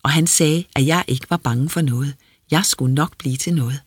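An audiobook reader giving quiet, measured, introspective first-person narration. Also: mid-range voice, breathy edge, no echo.

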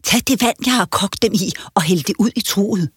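A man's voice: sits high, slightly rough, no echo, clean studio sound, pitched above the performer's own voice. A man voicing a frail, kindly old grandmother in a storybook reading, in a raised, quavering voice.

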